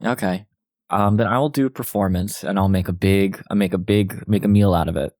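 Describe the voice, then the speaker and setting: Deep-voiced man playing a tabletop game. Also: fairly quick, a little mellow, no room sound, clean studio sound. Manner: playful, laughs often. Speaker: player. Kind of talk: casual tabletop game chat.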